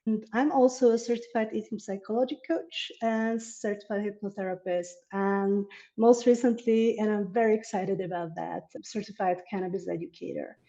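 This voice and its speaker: A woman speaks English in a mellow, relaxed voice as an earnest interview guest who laughs often. The audio is somewhat dull and muffled, as if from a modest microphone. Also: mid-range voice. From Slovakia. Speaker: herb farmer and interview guest. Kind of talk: casual interview over video.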